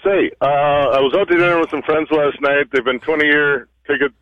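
A man's voice: fairly high pitch, fairly even intonation, moderate pace, dry recording. Male caller over a tinny phone line. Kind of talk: call-in radio chat.

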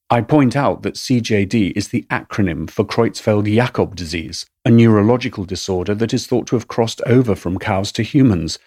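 Low-voiced man reading a diary. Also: no room sound. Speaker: podcast narrator. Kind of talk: scripted diary narration. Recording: dry studio voice-over, soft music.

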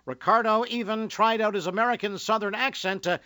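A man hosting a motorsport news radio show in a brisk announcer style. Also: sits high, fairly even intonation, pushed and bright, clear, resonant tone, no room sound.

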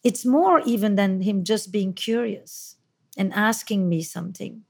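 Gently probing woman therapist. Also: medium pitch, a little slow, creaky, breathy edge. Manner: reflective, tentative, gently probing. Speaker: therapist host. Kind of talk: therapy conversation.

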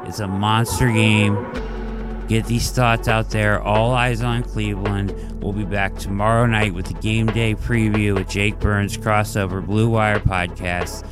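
Over background music, a man with a fairly low, fairly level voice takes his time hosting a laid-back sports podcast. Though he's losing his voice to a dry throat, he keeps talking through his take casually, full of "like" and "right?"

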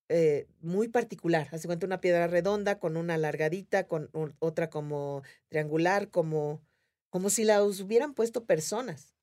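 A woman guest on a podcast, originally from Mérida, Mexico, shares a casual story with a Mexican Spanish accent. She has a slightly low voice for a woman and lively imitates the other people in her tale.

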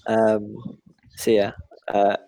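A man's voice: on the low side, completely flat delivery, extremely slow, gravelly, mellow, rough recording. A man hosting a podcast in loose, joking chat, full of fillers. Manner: joking, chatty, with many fillers. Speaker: podcast host. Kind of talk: casual chat.

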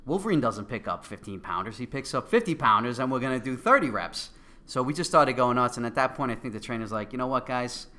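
A middle-aged man with a Queens, New York accent, casually telling an anecdote in an animated, excitable way. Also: mid-range voice, quick pace. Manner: animated, excitable storytelling with acted-out quotes. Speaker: guest, company co-founder.

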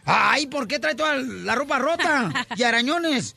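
A man hosting a radio comedy show, telling jokes in a loud, rowdy, playful way. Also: very high voice, animated, a little slow, creaky. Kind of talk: joke-telling radio banter. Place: radio studio.

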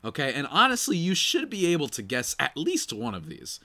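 A man hosting a casual solo sports podcast, slightly nasal and congested, talking in an animated, slangy way with chatty asides to listeners. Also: fairly high pitch, fairly quick. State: congested from a cold night.

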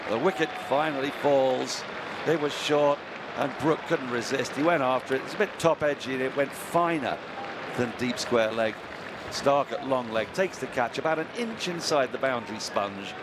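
A man giving live cricket commentary as a commentator, describing each ball and building to excited exclamations. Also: medium pitch, normal speed. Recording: outdoor ground with loud crowd noise. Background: loud cricket crowd.

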